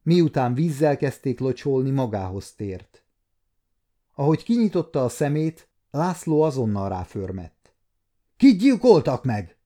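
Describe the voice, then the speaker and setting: A man in his fifties reading a historical novel aloud as an audiobook narrator, steady and measured. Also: medium pitch. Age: 50s.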